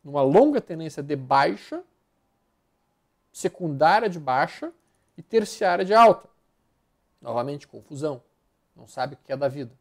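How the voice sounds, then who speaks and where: A man's voice: a little high, big pitch swings, moderate pace, vocal fry, long pauses. A man with a Brazilian Portuguese accent giving live stock market commentary over charts, blunt and slangy, rattling off repeated words as he flips through them.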